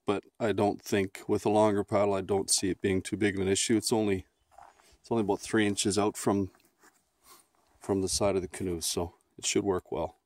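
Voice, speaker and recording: A middle-aged man giving a halting, plain-spoken how-to walkthrough outdoors, with frequent ums and restarts. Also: fairly low pitch, level tone, a little mellow, no echo. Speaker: outdoor vlogger. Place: outdoors on a grassy lawn beside a canoe.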